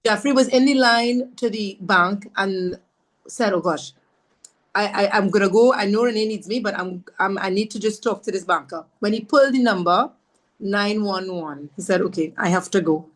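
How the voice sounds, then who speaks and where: A woman from Trinidad and Tobago, a podcast guest sharing a personal story in an earnest, halting way, often acting out what others said. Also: mid-range voice. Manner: earnest, often acts out others' words in her retelling; halting, with fillers and restarts.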